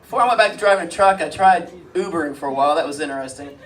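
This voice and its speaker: A man doing a stand-up comedy set with deadpan one-liners and crude jokes, on a comedy club stage. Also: on the high side, racing. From Springfield, US. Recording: live club mic heard from a distance, light noise.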